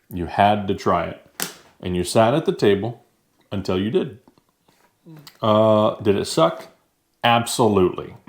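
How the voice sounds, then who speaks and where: A man's voice: lowish voice, darkish tone. A man casually chatting as he tastes new foods for a vlog, easygoing and talking while eating. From United States. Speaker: vlogger. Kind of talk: casual food-tasting chat.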